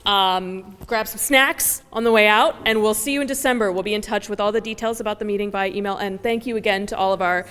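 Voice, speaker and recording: A woman hosting a meeting, giving brisk, gracious closing thanks. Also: medium pitch, fairly bright tone, smooth, long reverb tail. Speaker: meeting host. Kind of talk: closing remarks.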